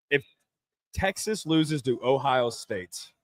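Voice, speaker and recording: A man co-hosting a casual sports talk show, rambling with halting restarts and jokey asides. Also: medium pitch, animated, dry recording.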